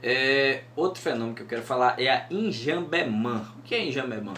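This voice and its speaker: A man with a Northeastern Brazilian accent teaching a lesson on cordel poetry, patiently explaining and slowly scanning verse syllables aloud. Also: mid-range voice, animated, a bit bright. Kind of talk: mini-course lesson. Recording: echoey room, faint hum.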